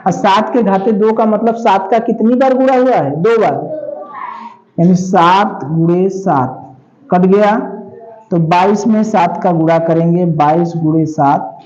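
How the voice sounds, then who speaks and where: A man's voice: sits high, a little mellow, dull audio. A male teacher giving a math lesson, repeating each step and asking questions that he answers himself. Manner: repetitive, asks questions and answers them himself; slow, drawn-out step-by-step explaining.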